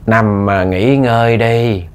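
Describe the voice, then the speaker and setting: A man doing a slow, coaxing corpse demon. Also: fairly even intonation, clear, resonant tone. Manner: slow, low, coaxing drawl. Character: demon possessing an old mother's corpse, coaxing, sinister.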